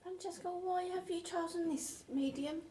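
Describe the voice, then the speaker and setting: Seance questioner: woman, high mellow voice, direct questions, some background noise. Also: fairly even intonation, normal speed, echoey room, far from the mic. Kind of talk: clear direct questions to spirits.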